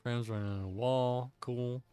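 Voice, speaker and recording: A man's voice: mid-range voice, fairly even intonation, measured pace, mellow, clean tone, dry recording, faint music behind. A man streaming an online game with friends, chatting casually in a playful, jokey, self-teasing way into a desk microphone. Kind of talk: casual gaming chat.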